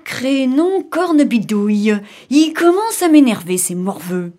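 A woman voicing a cunning big bad male wolf in a storybook reading, with a gruff growling voice that turns wheedling when he tries to fool someone. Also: mid-range voice, lively intonation, slow, warm tone. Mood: irritated. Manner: wheedling when disguised, snarling when angry.

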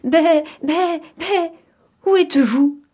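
A woman voicing a caring old mother goat in a storybook reading, speaking gently and slowly, bleating when she calls. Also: very high-pitched, pitched above the performer's own voice. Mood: worried.

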